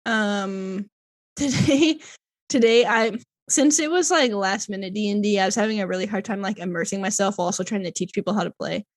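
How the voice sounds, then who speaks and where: A woman's voice: medium pitch, fairly quick, no echo. A woman co-hosting a podcast in casual chat, rambling and laughing often. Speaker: podcast co-host.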